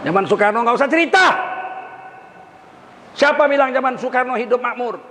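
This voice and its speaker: An older man delivers a sermon in a high, animated voice, acting out the people in his stories. His voice rings through a reverberant hall, with faint noise underneath. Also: fairly quick. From Indonesia. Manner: animated storytelling with quoted dialogue. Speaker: preacher.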